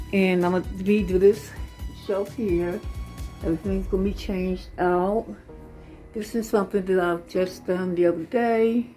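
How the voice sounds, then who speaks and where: A woman's voice: mid-range voice, warm tone. A woman vlogging at home indoors, chatting casually and explaining her craft projects step by step to her viewers. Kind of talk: casual home tour vlog.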